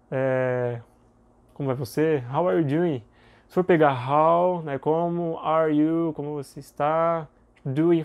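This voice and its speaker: Chatty man teaching English. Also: a little high. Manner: relaxed, chatty, many fillers and tag questions. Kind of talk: casual video lesson.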